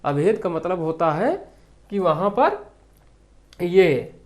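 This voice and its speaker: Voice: mid-range voice, big pitch swings, slow. A Hindi exam-prep teacher lecturing on grammar questions, who repeats key phrases and asks the class rhetorical questions.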